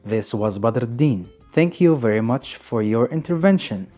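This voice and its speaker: Mellow Moroccan-accented male radio host. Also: medium pitch, expressive, moderate pace, faint music behind. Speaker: radio talk show host. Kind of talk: scripted radio presenting.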